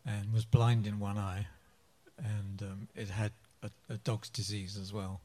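A man telling a joke as a story, unhurried, with pauses and fillers. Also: fairly low pitch, level tone, warm tone. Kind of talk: anecdotal joke-telling in English.

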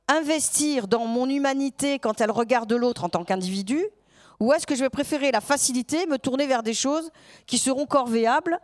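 Woman researcher, fairly high voice, acts out little scenes, dry close sound. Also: no room sound. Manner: lively storyteller who acts out dialogue. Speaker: university researcher. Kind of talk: discussion guest.

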